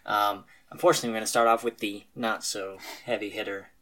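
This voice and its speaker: A man's voice: fairly low pitch, flat delivery, fast talker, bright, forceful tone. A man hosting a casual podcast about classic rock albums, talking loosely with plenty of fillers and restarts. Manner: rambling with many fillers and restarts. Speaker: podcast host.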